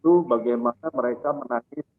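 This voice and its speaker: A man, an architect and tourism consultant, answering slowly with many pauses over a video call whose sound keeps cutting out. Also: mid-range voice, narrow, tinny audio. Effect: choppy, breaking-up video call audio. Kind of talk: online discussion answer.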